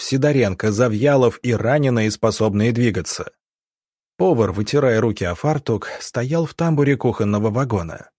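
A man narrating a story in steady, even audiobook style. His voice sits low and the recording is close and dry, with no room sound. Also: dry recording.

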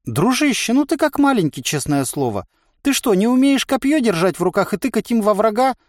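A talkative, wry inner voice of a man, as a reader puts it on for an audiobook, raised and lively in pitch. It reasons and teases at length, close and dry. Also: normal speed, no room sound. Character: chatty bodiless male inner voice, wry.

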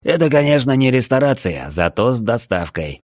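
A man's voice: mid-range voice, big pitch swings, moderate pace, a little mellow, no echo, studio quality, voice pushed up. A male reader voicing a brash, wisecracking young raft captain. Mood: wry.

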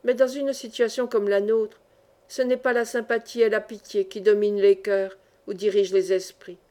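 Woman reading a novel aloud, mellow. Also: mid-range voice, flat delivery. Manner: measured storytelling narration. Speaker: audiobook reader.

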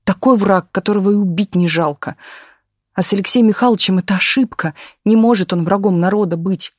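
A reader voicing a frightened, weary young actress who speaks quietly and pleadingly, often close to a whisper. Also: medium pitch, fairly quick, no echo, close to an everyday voice. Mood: bitter, sad.

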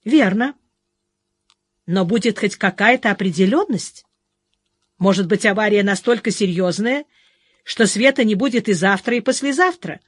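A woman's voice: mid-range voice, moderate pace, breathy edge, no room sound, lightly acted. A woman doing a caring husband in an audiobook, firm insistent tone, mildly scolding, dry sound. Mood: reasoning. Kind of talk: audiobook character reading.

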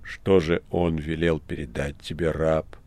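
Мужчина озвучивает надменного древнего князя тьмы — медленно, презрительно и размеренно, в аудиокниге. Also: male voice, a bass voice, flat delivery, a little mellow, no room sound. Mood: scornful. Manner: slow, scornful, measured. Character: haughty ancient male prince of darkness. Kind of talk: audiobook reading.

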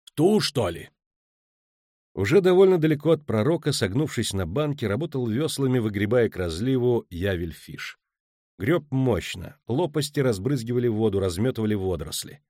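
A man narrating an audiobook with a steady, dramatic reading. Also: medium pitch, a little fast, no room sound, clean studio sound. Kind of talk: scripted narration.

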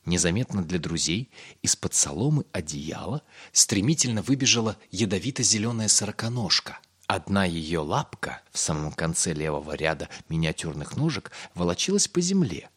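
A man narrating a fairy tale in a measured, expressive storytelling manner. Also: sits low, breathy edge.

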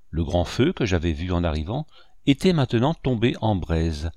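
A man narrating an audiobook in a measured, even storytelling manner. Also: fairly low pitch, dry recording, studio quality.

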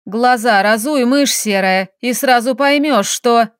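A woman's voice: a little high, a little slow, no room sound, studio quality, close to an everyday voice. A woman voicing a scheming, spiteful young female colleague with a scornful, mocking manner in an audiobook.

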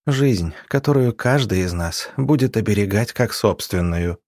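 A man's voice: on the low side, lively intonation, measured pace, darkish tone, no echo, clean studio sound. Man reading a firm, insistent young woman.

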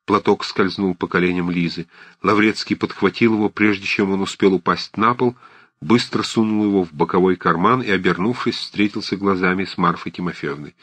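A man reads a novel aloud in a calm, measured way. His voice is deep and husky. The sound is close and dry, with no room around it. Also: no echo. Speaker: audiobook narrator. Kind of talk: scripted narration of a novel.

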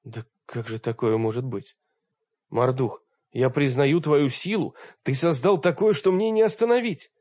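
A man voicing a furious old wizard with a shouting, raging manner. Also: mid-range voice, a little slow, no room sound, lo-fi sound, close to an everyday voice. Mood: bewildered. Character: furious old male wizard, fiery-tempered.

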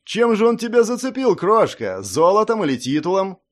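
A man voicing an arrogant, sneering young noble heir who mocks and laughs in a higher, louder voice. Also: big pitch swings, unhurried. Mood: leering. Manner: mocking, laughing, leering.

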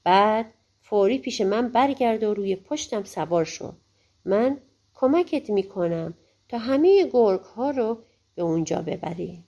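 A woman's voice: mid-range voice, lively intonation, dark tone, lo-fi sound. Woman doing a loyal talking wolf. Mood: scheming. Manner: reassuring, urging.

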